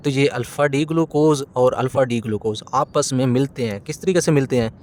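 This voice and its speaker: A man's voice: medium pitch, fairly quick, a little mellow, a little hiss or hum. Self-correcting male chemistry lecturer. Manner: poses questions and answers them himself, often corrects himself mid-sentence. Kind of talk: classroom lecture explaining a diagram.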